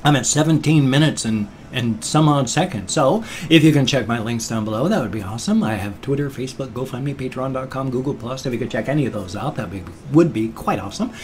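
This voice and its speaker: A man's voice: medium pitch, animated, fairly quick, hardly any pauses, slight background noise. A man in his fifties chatting in a casual vlog, rambling, earnest and self-deprecating, talking with his hands as he sits. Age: 50s. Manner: talks with his hands while seated. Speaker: vlogger.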